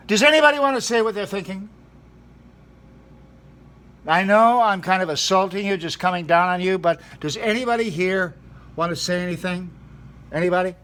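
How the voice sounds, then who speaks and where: A man's voice: high-pitched, a bit bright. A man hosting a mock-serious comedy talk show in a studio, earnestly questioning food as if it were a guest.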